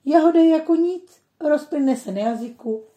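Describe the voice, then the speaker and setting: Storybook puppy, yappy and bouncy, read by a woman, mellow tone. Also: reverberant, natural voice. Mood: excited. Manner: yappy, high and excited. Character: small playful greedy male puppy.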